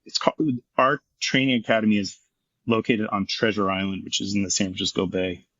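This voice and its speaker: A man's voice: lowish voice, a little fast, fairly bright tone, no room sound, dull audio. A middle-aged man, a former firefighter and paramedic, telling his story frankly and intensely in an interview, swearing freely.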